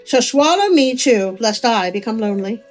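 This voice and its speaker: A woman's voice: a little high, lively intonation, normal speed, lightly acted. A woman voicing a bold, defiant male coyote trickster in a folk tale, calling out challenges and commands. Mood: bold, challenging. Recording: music under the voice.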